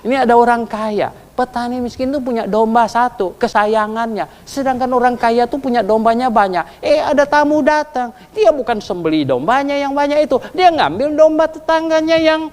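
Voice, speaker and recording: A man's voice: very high-pitched, moderate pace, hardly any pauses, darkish tone, long reverb tail, pitched above the performer's own voice. A preacher voicing a shrewd male prophet who recounts a parable with rising indignation. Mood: storytelling.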